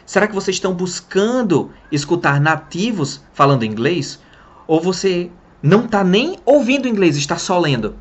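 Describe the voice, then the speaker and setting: Husky Brazilian male teacher, lively questions. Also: high-pitched, moderate pace. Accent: Brazilian Portuguese. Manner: teaching through rhetorical questions. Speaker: English teacher. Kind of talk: online language lesson.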